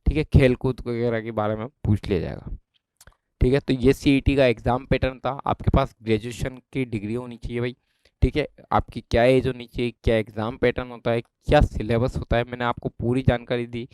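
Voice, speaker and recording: A man's voice: mid-range voice, fairly even intonation, fairly quick, darkish tone, clear, resonant tone, no echo. A man with a Rajasthani Hindi accent explaining an exam syllabus in a chatty lesson, often checking that his students follow. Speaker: exam prep teacher.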